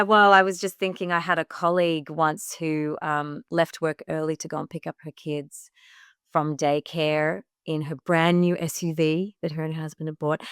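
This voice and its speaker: Lower-pitched woman telling lively stories. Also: clean tone, dry recording, studio quality. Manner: animated storyteller, affirming. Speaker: guest, women's health coach. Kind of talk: podcast conversation.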